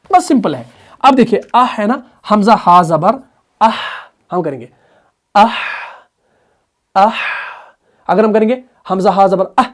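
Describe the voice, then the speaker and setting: A man's voice: sits high, darkish tone. A man teaching recitation rules in a classroom lesson. He asks questions, answers them himself and repeats sounds to demonstrate. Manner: patient and methodical.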